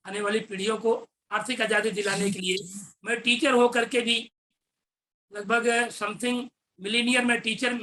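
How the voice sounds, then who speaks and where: An Indian man with an eastern Uttar Pradesh Hindi accent speaks in a bright, forceful voice. He explains his points earnestly, like a teacher, and repeats key phrases for emphasis. A faint hiss of background noise sits under the recording. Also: extremely high pitch. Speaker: teacher and network marketer. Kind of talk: motivational business talk.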